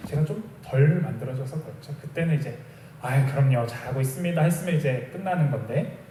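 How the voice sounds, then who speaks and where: A young man preaches in a small church, drifting into storytelling and playing out little bits of dialogue. His voice sits a touch high with a warm, mellow tone. He sounds set back from the mic, with the room ringing around him and a faint hiss underneath. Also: reverberant, far from the mic. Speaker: pastor. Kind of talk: sermon.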